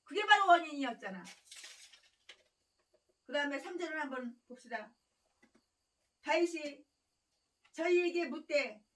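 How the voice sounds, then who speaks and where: A woman's voice: high-pitched, far from the mic. A woman pastor preaching a sermon in a fiery, scolding way, hammering on repeated phrases and breaking into harsh, angry rants. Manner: harsh angry ranting with insults.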